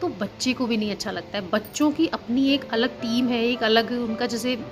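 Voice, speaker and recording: A woman in her thirties with a fairly high voice speaks earnestly, as if chatting casually in a parenting vlog. She repeats points for emphasis and mixes in English words. Faint music plays quietly underneath. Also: normal speed. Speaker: vlogger, housewife and teacher. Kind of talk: casual chat about parenting.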